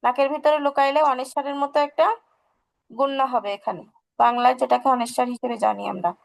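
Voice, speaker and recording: High, gravelly female tajweed teacher. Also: fairly even intonation, fast, slight background noise, low-quality recording. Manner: patient, asks questions and answers them herself. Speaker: Quran recitation teacher. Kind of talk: online tajweed lesson.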